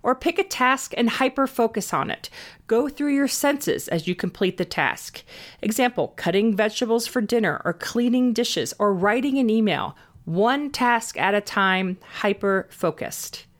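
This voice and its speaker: Speaking unhurriedly in an animated, rather high voice, a woman host reads scripted self-help advice directly to the listener. Her delivery is upbeat and well organized, leaning on key words.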